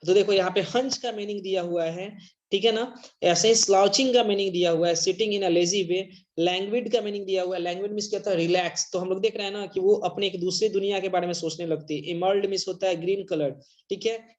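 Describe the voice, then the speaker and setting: An online English teacher in a live class, explaining and constantly checking that students follow, reading English lines slowly. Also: medium pitch, steady tone, darkish tone, dull audio. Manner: mixes Hindi and English, constantly checks understanding.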